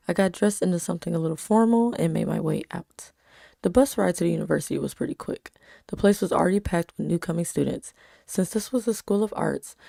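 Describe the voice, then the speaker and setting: A woman's voice: fairly low pitch, creaky, warm tone, no echo, clean studio sound. A woman reading her own old fan fiction aloud with casual asides, a little embarrassed and self-critical. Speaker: amateur author reading own old stories.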